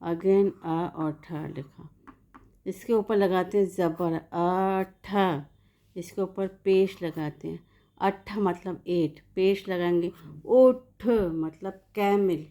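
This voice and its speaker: A woman's voice: fairly low pitch, fairly even intonation, takes it slowly, dark tone. A woman teaching as a language teacher, going patiently through words one at a time and giving the meaning of each. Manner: patient, explains word by word with meanings. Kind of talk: slow spoken lesson.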